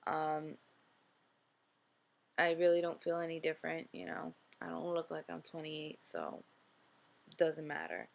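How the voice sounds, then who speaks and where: A woman's voice: low-pitched, measured pace, gravelly, pauses often. A woman in her late twenties with a New Jersey accent, talking earnestly to camera in a casual motivational vlog, full of fillers and "okay?" check-ins. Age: 20s. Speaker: vlogger host.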